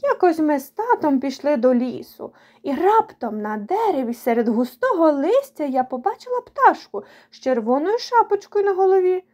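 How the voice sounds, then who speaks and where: A bold young girl from a children's storybook, as a woman puts her on. The voice is high and mellow, and she speaks in an eager, lively, storytelling way. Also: moderate pace.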